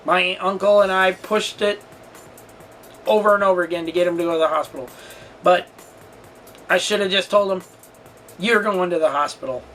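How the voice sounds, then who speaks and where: In a low-quality recording, a man with a notably high and a bit bright voice, a storytelling vlogger and channel host, recounts something personal in a casual vlog. He speaks haltingly and ramblingly with a candid, confessional feel as faint music plays underneath.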